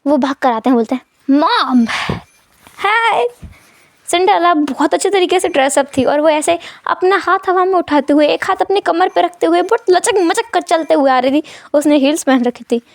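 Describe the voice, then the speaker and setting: A woman retells a fan fiction story in a lively way, with a high voice. The recording is dry and close, with no room sound. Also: fairly quick, no echo.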